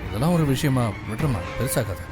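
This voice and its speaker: Actor as a quick, lively reassuring young husband. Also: male voice, medium pitch, close to an everyday voice. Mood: reassuring, dismissive. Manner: dismissive, reassuring. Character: calm young husband brushing off his mother's fears. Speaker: son and new husband in a TV serial. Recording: dramatic background music.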